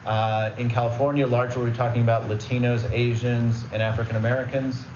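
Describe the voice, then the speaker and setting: A man's voice: mid-range voice, flat delivery, a little fast, darkish tone, roomy sound, distant mic, lo-fi sound, a little hiss or hum. A man giving a conversational presentation at a public meeting, explaining rules with everyday examples and plenty of fillers. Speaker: redistricting consultant presenting.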